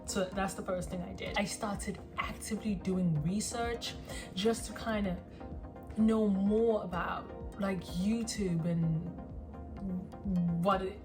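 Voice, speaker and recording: A woman in her twenties from South Africa, introducing herself to the camera in a rambling, self-conscious vlog with lots of ums and pauses, recorded on a phone. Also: mid-range voice, fairly even intonation, music in the background. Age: 20s. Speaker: vlogger.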